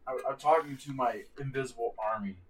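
A man voicing a drunk, belligerent dwarf in a tabletop role-play game, gruff and accusing, with audible background noise on the recording. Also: mid-range voice, brisk, lightly acted. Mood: drunk rambling.

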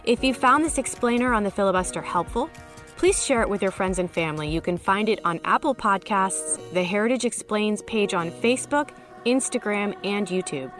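A woman's voice: medium pitch, normal speed, fairly bright tone. Podcast host, woman, nasally congested and a little scratchy, faint music in the mix. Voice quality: stuffy nose, congested; slightly scratchy voice. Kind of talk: podcast interview and sign-off.

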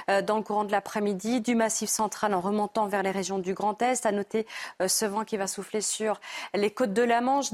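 A woman delivers the live weather forecast in a somewhat high voice. She pauses often and uses fillers as she reads the temperatures. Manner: hesitant, with fillers. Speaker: weather presenter.

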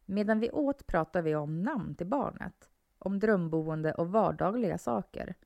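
Brief: woman narrator with a low, creaky voice, dry close sound, steady horror reading. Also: dry recording, muffled recording. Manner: calm, measured reading. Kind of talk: first-person horror story narration.

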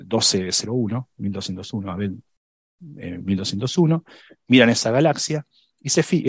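Low-voiced man explaining science, dry sound. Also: vocal fry, breathy edge, no room sound. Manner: thinks aloud with many fillers and restarts. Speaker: science podcast panelist. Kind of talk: casual explanatory chat.

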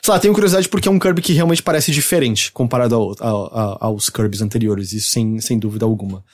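A man's voice: fairly low pitch, quick pace. A man with a Brazilian Portuguese accent hosting an informal, conversational chat about video games. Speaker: gaming show host.

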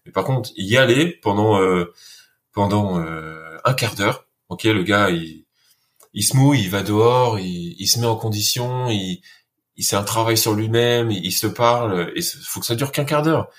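A man who served in the military, telling an interviewer about training in an earnest, halting way with many fillers. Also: lowish voice. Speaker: guest, former soldier. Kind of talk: casual interview.

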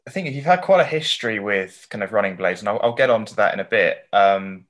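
A man's voice: on the low side, quick pace, fairly bright tone. A man hosting a casual podcast interview, asking loosely phrased questions in a hesitant way.

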